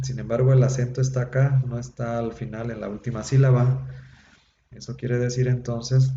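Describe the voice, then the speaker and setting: A man's voice: mid-range voice, mellow. A man teaching Biblical Hebrew, explaining patiently with many fillers, heard over a video call. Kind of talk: online class lecture. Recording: dull lo-fi echoey room with faint hum.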